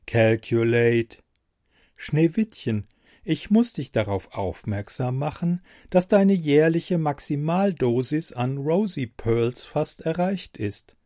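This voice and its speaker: A prim household beauty computer talks in formal, mechanical sentences, as a man puts it on. It speaks slowly and a little high, with wide swings in its delivery. The sound is close and dry. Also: mellow, no echo. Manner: polite, formal, mechanical phrasing. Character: bumbling female-addressing beauty computer, polite, robotic. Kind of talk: audiobook reading.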